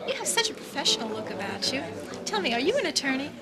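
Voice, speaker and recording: Coy, sarcastic female drama role: high lively voice, loud party chatter behind. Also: fast. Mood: coy flirting. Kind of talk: television drama acting.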